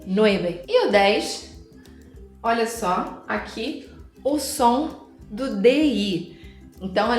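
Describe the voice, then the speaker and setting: A Carioca woman teaching a language lesson at an unhurried, careful pace, her voice sitting a little high. She draws out example words and keeps checking in with her listener. The recording sounds echoey, with faint music underneath. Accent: Carioca Brazilian Portuguese. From Rio de Janeiro, Brazil. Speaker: Spanish teacher.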